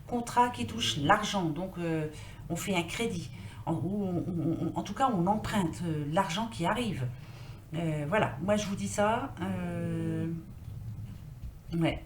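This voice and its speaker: A woman's voice: fairly low pitch, slow pace. A woman casually talking through a tarot card reading, rambling and thinking aloud with lots of fillers. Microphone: built-in computer mic. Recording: echoey room, faint noise.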